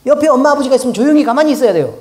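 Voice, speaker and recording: A woman's voice: sits high, lively intonation, racing, dark tone. A woman pastor preaching a sermon in a colloquial way, often putting rhetorical questions to the congregation. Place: church.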